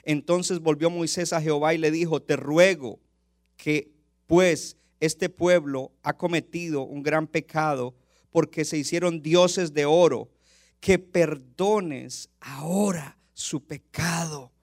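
A man's voice: fairly high pitch, fairly even intonation, unhurried, dry recording, studio quality. A man preaching a sermon as pastor, passionate, building intensity and acting out quoted lines.

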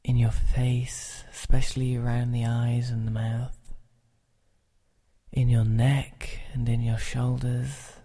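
Super slow soothing guy talking you through relaxing, dark mellow voice, soft whispers now and then. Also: mid-range voice, flat delivery. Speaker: relaxation guide. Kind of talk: guided relaxation.

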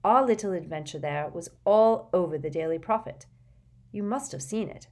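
A woman's voice: on the low side, animated, moderate pace, a little mellow. A woman voicing a blunt, plain-spoken teenage boy wizard. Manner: short, plain.

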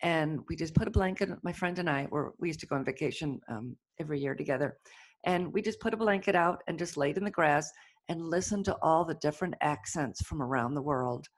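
A woman chatting casually and telling lively personal stories with enthusiasm. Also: sits low, brisk. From United States. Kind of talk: casual chat.

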